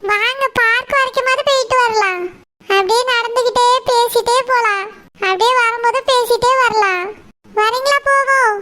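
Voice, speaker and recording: A voice actor playing a hurt young wife in a cartoon who pleads softly with her husband. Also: very high-pitched, moderate pace. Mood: pleading. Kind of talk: cartoon voice acting. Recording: loud background noise.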